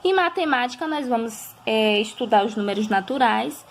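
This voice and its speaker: Recording a review lesson aimed at children, a woman who teaches primary school speaks slowly and with patience, elongating example words and repeatedly checking in with listeners. Her fairly high voice is expressive, and there's a slight hiss or hum.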